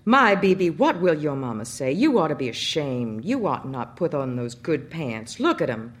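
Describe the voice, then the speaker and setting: A woman voicing a fussing husband scolding his muddy little boy, loud and raised. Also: low-pitched, big pitch swings, a little fast.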